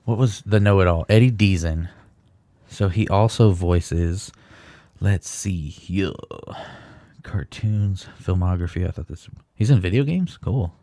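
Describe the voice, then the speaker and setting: A man's voice: sits low, measured pace, no room sound. A man co-hosting a comedy podcast, joking around casually and swearing freely. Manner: swears freely, jokey, excitable. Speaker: podcast co-host.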